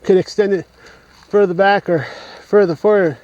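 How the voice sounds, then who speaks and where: A man's voice: high voice, fairly even intonation, moderate pace, a little mellow, no room sound, lo-fi sound. A man vlogging as he hikes a steep mountain trail, short of breath and rambling as he thinks aloud to his camera. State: short of breath while climbing. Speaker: hiker vlogger. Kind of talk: casual hiking vlog narration. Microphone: camera on an extended mount.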